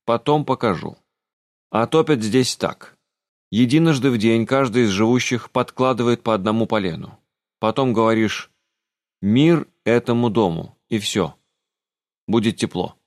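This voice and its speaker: A man's voice: medium pitch, a little slow, no room sound, studio quality, close to an everyday voice. A man doing a grumpy, aloof castle master. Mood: grumbling. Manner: grumbling, condescending.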